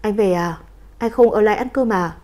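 A woman voicing a shy, soft-spoken young heroine in a storybook reading, polite and hesitant. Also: medium pitch, moderate pace, close to an everyday voice.

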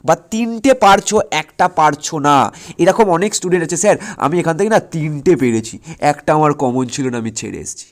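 A school exam tutor from West Bengal, India, coaches students in an emphatic, directive manner, repeating instructions and checking they follow along. His voice is slightly high and expressive, at a normal speed.

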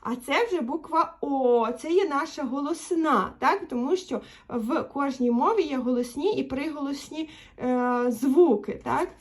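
Young woman with a high voice going over letters with little kids, slow stretched-out vowels, super encouraging. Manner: patient, drawn-out vowel demonstrations for children; gentle, encouraging address to children. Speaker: teacher. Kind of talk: children's alphabet lesson.

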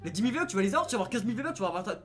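A young man with a French accent, a gaming YouTuber talking fast, teasing and yelling as he plays beside his little brother. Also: sits high, big pitch swings. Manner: hyper, yelling, teasing, repeats himself. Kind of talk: excited gaming vlog with sibling.

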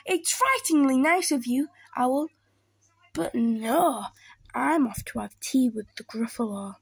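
A woman voicing a small, clever, boastful mouse with a bright, cheeky manner. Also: high voice, animated, a little slow, gravelly, breathy edge, exaggerated voice. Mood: sly.

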